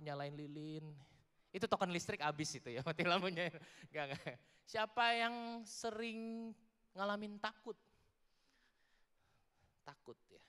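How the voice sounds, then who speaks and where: A man preaches to a youth crowd in a casual, playful way, tossing questions at the listeners and slipping in English words. His voice sits a little high, and a long hall reverb trails after every phrase. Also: a bit bright, clear, resonant tone. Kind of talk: casual youth sermon with audience interaction. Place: large church hall before a youth audience.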